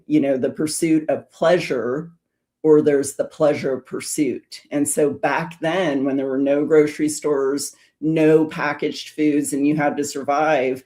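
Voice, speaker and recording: A food addiction recovery specialist, a woman with a deep, mellow voice, is a guest on a video call interview. Earnest and long-winded in her storytelling, she keeps starting her sentences over.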